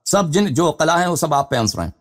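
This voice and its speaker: A man's voice: on the high side, expressive. A man hosting a live call-in show as a religious scholar, debating a caller heatedly and pressing the same question again and again.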